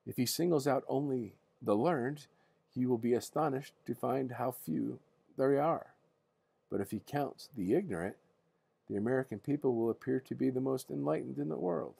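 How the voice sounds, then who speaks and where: This is an older man with a grandpa voice, reading history aloud as if at bedtime. His voice is mellow and husky, recorded close and dry. He reads haltingly, sometimes repeating a word to get it right. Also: mid-range voice, no room sound. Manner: halting, stumbles over words and rereads. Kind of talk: casual bedtime read-aloud from a history book.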